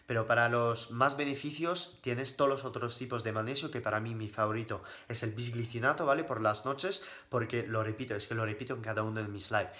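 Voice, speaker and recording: A man from talks casually on a livestream, answering viewers' questions. His voice is bright and forceful at an ordinary middle pitch. He keeps explaining step by step, repeating himself and tagging sentences with quick checks. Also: fairly even intonation. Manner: explanatory, repeats points, frequent fillers and tag questions.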